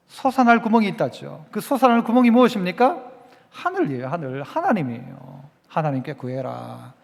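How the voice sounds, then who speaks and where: A male pastor preaches emphatically, his voice high and swinging widely in pitch. His words carry a long reverb through the church sanctuary. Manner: emphatic, repeating exhortations, calls for repetition. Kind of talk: sermon.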